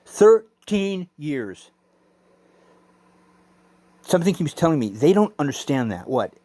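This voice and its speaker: A man's voice: medium pitch, a little mellow, no room sound. Intense profane man. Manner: profane, intense, argues with himself. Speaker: vlogger. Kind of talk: rambling personal monologue.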